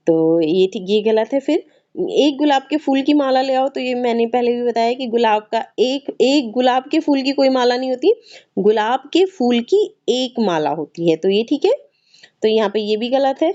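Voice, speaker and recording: A woman's voice: medium pitch, warm tone. A woman teaching an exam-prep grammar lesson with a Hindi accent from north India, explaining patiently and repeating words as she checks in with her listeners. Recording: slightly dull, muffled recording.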